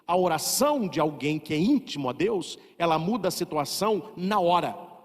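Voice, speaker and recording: Brazilian priest, emphatic sermon voice, fairly high, long hall reverb. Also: male voice, animated, moderate pace. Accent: Brazilian Portuguese. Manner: emphatic, repeats rhetorical questions.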